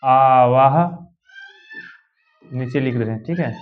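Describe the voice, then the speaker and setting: A man's voice: mid-range voice, fairly even intonation, slow. A male teacher giving a classroom grammar lesson, explaining step by step and often asking the students whether they follow. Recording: dull lo-fi sound.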